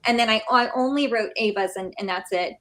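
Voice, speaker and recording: A woman author talks as a guest on a casual podcast interview. Her voice sits a little high and rings bright and clear. She is chatty and keeps restarting her sentences. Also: brisk. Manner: chatty, restarts and laughs mid-thought.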